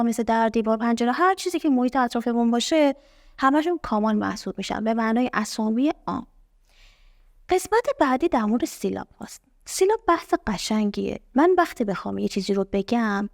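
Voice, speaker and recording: Higher-voiced woman teaching English. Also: gravelly, no room sound, clean studio sound. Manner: patient, asks the class questions and repeats words slowly. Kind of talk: explaining a language lesson.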